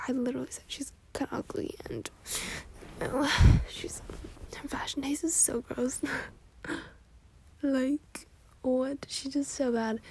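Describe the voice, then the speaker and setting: A woman's voice: sits high, darkish tone. A young woman doing a whispered roleplay to the listener. She talks in a catty, gossipy way, full of "like" fillers.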